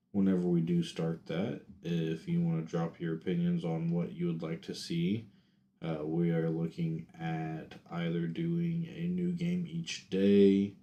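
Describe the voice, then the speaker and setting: This young man chats casually while streaming a game, thinking aloud with plenty of fillers and restarts, English being his first language. His voice is low and mellow, with faint music and keyboard clicks in the background.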